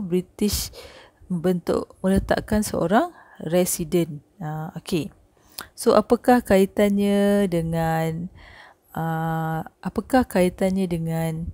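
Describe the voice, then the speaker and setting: A woman's voice: fairly low pitch, mellow, no room sound. Chatty Malaysian woman teaching history. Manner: chatty, with frequent "okey", "eh" and "ha" checks. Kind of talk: recorded classroom lesson.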